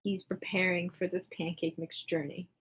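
A woman's voice: lowish voice, little pitch movement, moderate pace, breathy edge. A young woman chatting casually, giggly and teasing, with a blunt way of egging her friend on. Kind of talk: casual chat.

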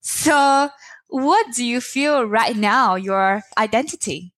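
A woman host conducts an interview with brief, direct questions. Her voice sits in a middle pitch and sounds dry, with no room echo. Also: slow pace, fairly bright tone.

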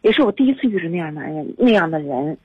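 A woman's voice: low-pitched, lively intonation, fast, breathy edge, no room sound, highs cut off. Agitated woman caller in her forties. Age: 40s. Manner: tearful, agitated storytelling. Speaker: radio caller. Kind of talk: emotional phone-in confession. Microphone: phone.

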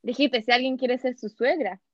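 A woman's voice: high-pitched, no echo, highs cut off. A young woman with a Chilean accent in playful, casual chat. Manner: playful, chatty, quick to joke.

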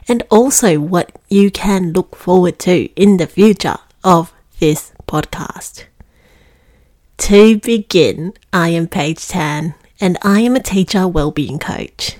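Hosting her own podcast on a close mic, a teacher wellbeing coach from Singapore delivers an earnest, reflective monologue. She is in her thirties, with a mid-range voice of a darkish tone.

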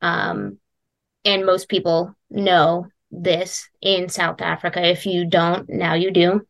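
A woman's voice: fairly low pitch, flat delivery, takes it slowly, vocal fry. A woman hosting a casual podcast chat, hesitant and full of ums and uhs. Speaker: podcast host.

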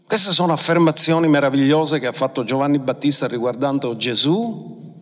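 A man's voice: medium pitch, normal speed, fairly bright tone, big-room sound. A man preaching a sermon to a congregation, emphatic, quoting scripture and asking the listeners questions. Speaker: pastor.

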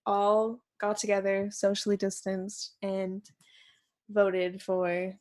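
A woman's voice: medium pitch, completely flat delivery, takes it slowly, a little mellow. A young woman in her late teens co-hosting a casual podcast, bubbly and gossipy, full of "like". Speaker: podcast co-host. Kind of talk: casual chat.

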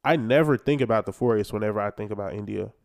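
A young American man in casual podcast conversation. He talks like a frat bro, with plenty of slang and swearing. His delivery turns animated and incredulous as he riffs. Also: on the low side, fast, vocal fry. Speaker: podcast guest.

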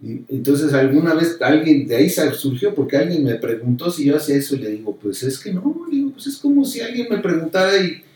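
A man from Mexico with a Mexican accent, a pastor in a casual conversation about faith, animated and repeating himself as he acts out quotes. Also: fairly high pitch. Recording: very echoey room, distant mic.

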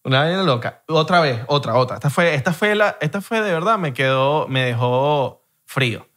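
A young man with a Venezuelan accent chatting casually on a podcast and telling stories in a slangy, lively way. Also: fairly high pitch, normal speed. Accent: Venezuelan Spanish. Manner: slangy, animated storytelling. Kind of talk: casual chat.

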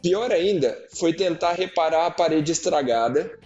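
A man's voice: a little high, moderate pace, a little mellow, muffled recording, faint music behind. A man reading a follower's story aloud in a casual podcast chat, with mock-dramatic soap-opera intonation.

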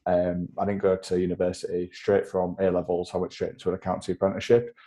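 A man's voice: deep voice, monotone, quick pace, warm tone. A man in his twenties with a Yorkshire accent, chatting casually as a podcast guest over a remote call, laughing often and self-deprecating. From Yorkshire, England. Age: 20s. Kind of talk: casual interview chat.

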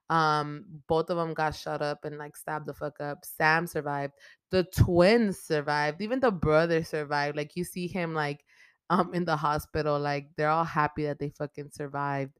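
A woman's voice: low voice, smooth, no room sound. Profane, chatty young woman podcaster. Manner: profane, animated retelling with frequent "like". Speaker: podcast host. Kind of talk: casual movie recap podcast.

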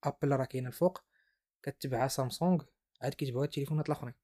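A man's voice: medium pitch, rapid-fire, dark tone. A man with a Moroccan Arabic accent hosting an informal explainer podcast, mixing French terms into his speech. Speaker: podcast host.

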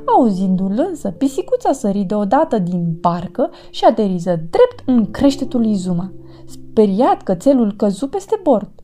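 A woman hosting her own storytelling channel, reading a children's picture book aloud in an expressive, sing-song way. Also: mid-range voice.

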